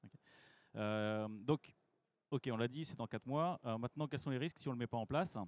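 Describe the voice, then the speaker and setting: A man's voice: mid-range voice, a little fast. Informal man presenting to an audience. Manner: lively, informal, addresses the audience with questions. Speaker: technical director presenting. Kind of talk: conference masterclass presentation.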